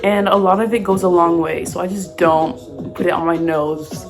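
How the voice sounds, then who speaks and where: A woman's voice: lowish voice, steady tone, moderate pace. A young adult woman, tipsy and loosely rambling, chatting casually as a beauty vlogger through a makeup tutorial. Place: basement at home. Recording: music playing behind the voice. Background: music.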